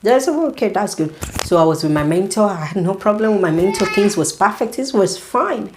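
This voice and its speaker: A young woman, a student nurse, telling a story in a casual vlog, animated and indignant, with lots of "you know". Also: mid-range voice, brisk, noisy background. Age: young adult.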